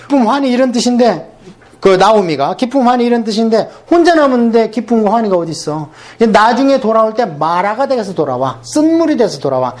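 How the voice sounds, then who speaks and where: Lively Korean pastor teaching scripture. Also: male voice, sits high, a little fast. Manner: rhetorical questions, emphatic teaching. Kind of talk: Bible seminar lecture.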